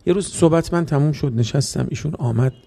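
A man preaching a sermon, moving from hushed storytelling to emotional, near-tearful outbursts in rhythmic, repeated phrases. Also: on the high side, gravelly.

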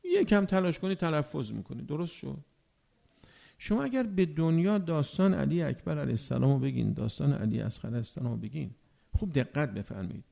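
A man preaching a religious sermon, animated and rhetorical, often asking his listeners whether they agree. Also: on the high side, gravelly. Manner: animated, acts out everyday speakers.

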